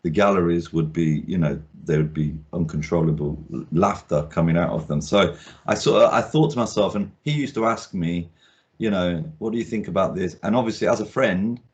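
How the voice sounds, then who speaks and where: A man with a deep voice talks briskly as host of a casual video-call interview, posing as an art critic. He wanders through his points with many ums and restarts. The audio is dull and lo-fi.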